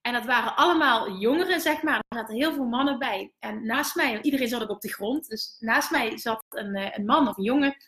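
A Dutch woman in her thirties, a business coach hosting a live stream, who tells candid, animated stories and swears now and then. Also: on the high side, fairly quick, few pauses, echoey room. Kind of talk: live stream storytelling to viewers.

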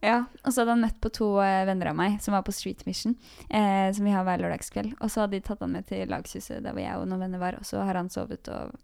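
A young woman in a casual conversation about faith, talking in a chatty, lively way and laughing easily. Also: mid-range voice, creaky, hardly any pauses.

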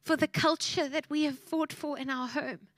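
A woman in her thirties gives a heartfelt, emotional sermon. Her voice sits high, and the sound is close and dry with little room around it. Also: fairly even intonation, moderate pace, a bit bright, no echo. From South Africa. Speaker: preacher.

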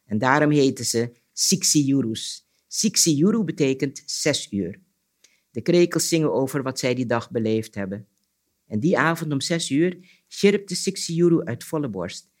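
A man telling a folk tale as a guest on a talk show, narrating in a lively, expressive way. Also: medium pitch, unhurried. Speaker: storyteller guest. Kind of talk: storytelling on a radio show.

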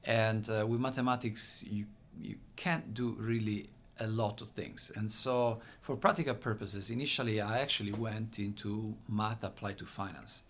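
A man from Italy with a thick accent answers interview questions about his research as a researcher and center director. His lowish voice is steady at a moderate pace, full of fillers and restarts, with faint background noise.

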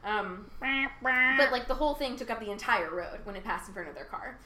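A woman's voice: a little high, normal speed, pushed and bright. A young adult woman co-hosting a podcast, chatting casually and rambling with many fillers and laughing asides. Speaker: podcast co-host. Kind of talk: casual chat. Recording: echoey room, faint noise.

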